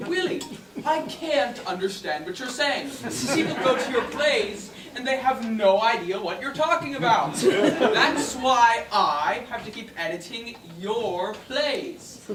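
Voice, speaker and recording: Student as a sarcastic playwright rival, slow and sing-song, from far off in an echoey hall with a laughing audience. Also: mid-range voice, expressive, noisy background, lightly acted. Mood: mocking. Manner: sarcastic, drawn-out delivery. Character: snide young playwright, witty and mocking. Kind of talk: high school stage comedy. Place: school auditorium stage. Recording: distant stage mic, echoey hall, crowd laughter.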